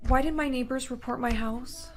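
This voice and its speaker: A woman's voice: sits high, fairly even intonation, normal speed. A woman acting as a daughter in comedy skits, whiny and pleading, with faint background music.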